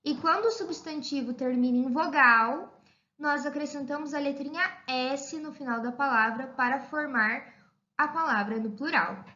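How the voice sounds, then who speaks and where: A woman giving a children's lesson as a primary school teacher, talking slowly and spelling things out clearly. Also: high-pitched, sharp tone. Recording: dull lo-fi sound.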